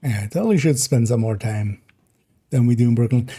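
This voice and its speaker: A man's voice: mid-range voice, a little fast, warm tone, husky. A man streaming a video game, chatting casually as he plays, rambling and giggling, often restarting his sentences. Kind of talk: casual gameplay commentary.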